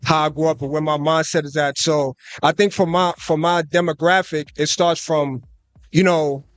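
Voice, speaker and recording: A young American guest rapper talks loosely in a casual interview from a live concert radio booth, relaxed and full of fillers like "you know what I'm saying." His voice is a little high at a moderate pace, and the recording is dry.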